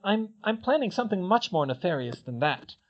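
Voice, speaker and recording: A man voices an anxious, bookish teenage schoolgirl witch from a storybook, pitching well above his natural range. She sounds high, earnest and determined, very animated and a little fast, her pitch swinging widely into tearful pleading. The recording is dull and lo-fi.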